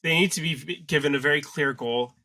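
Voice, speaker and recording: Bright, emphatic Canadian man. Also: a little high, fairly quick. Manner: energetic, articulate and emphatic. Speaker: guest, sales agency cofounder. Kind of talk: podcast interview.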